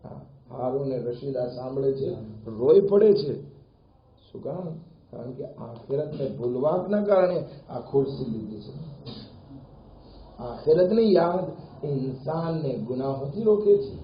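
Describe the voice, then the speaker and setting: A man giving an animated sermon, telling stories with rising emphasis. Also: medium pitch, unhurried, long pauses. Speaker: preacher. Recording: echoey hall, dull lo-fi sound, faint noise.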